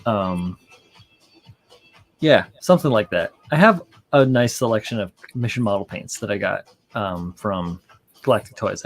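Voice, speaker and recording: A man hosting a casual livestream chat, relaxed and rambling with many fillers, a little tired. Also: on the low side. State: yawning, tired. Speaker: streamer hosting a model-building stream.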